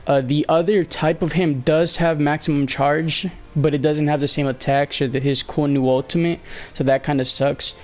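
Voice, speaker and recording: Talking over gameplay at normal speed with hardly any pauses, a young commentator uses a fairly high, flat voice against soft background music. He sounds a little ill and is losing his voice, and his casual walkthrough is rambling, hesitant, and full of fillers.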